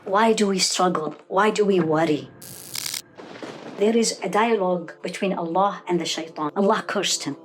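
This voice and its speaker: A woman's voice: on the low side, normal speed, slight background noise. A middle-aged woman from Iraq giving religious advice in an interview, earnest and fond of rhetorical questions. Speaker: guest speaker, Islamic teacher.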